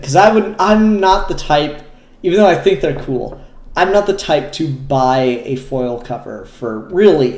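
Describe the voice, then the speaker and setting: This comic book reviewer speaks on the high side with a darkish tone. Hosting his loose, unscripted review vlog, he rambles openly and lets the occasional curse slip, all in a room with noticeable echo.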